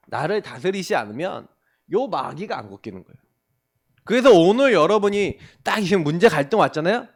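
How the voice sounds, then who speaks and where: Male pastor giving a youth sermon, pitched high and very animated, answers his own questions. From South Korea. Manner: animated, asks the congregation questions and answers them himself.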